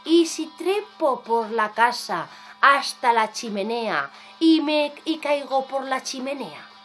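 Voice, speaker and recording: Storybook big bad wolf, sly and greedy, drawn-out drawl played by a woman, lively pitch. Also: soft background music, full character voice. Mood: furious. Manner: drawls slowly, then roars in fury.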